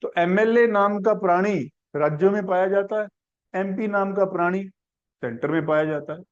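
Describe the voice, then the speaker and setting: A man's voice: high voice, normal speed, lo-fi sound. A man teaching a civics class, asking questions and building the answer step by step through simple examples. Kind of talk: classroom lecture.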